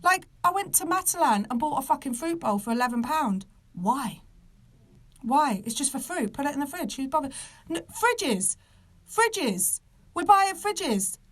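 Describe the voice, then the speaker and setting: A British woman of about thirty with soft R sounds, ranting casually and comically to a live online audience in an exasperated, emphatic, sweary manner. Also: high voice, lively intonation, moderate pace. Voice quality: soft, non-rolled R sounds. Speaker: podcast host.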